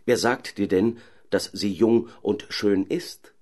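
A man voicing a young, excitable caliph who has been turned into a stork. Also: fairly low pitch, slow. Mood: weary. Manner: excited, pleading.

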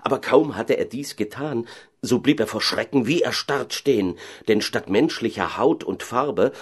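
A man narrating a fairy tale in an expressive, dramatic way. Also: medium pitch, moderate pace, husky.

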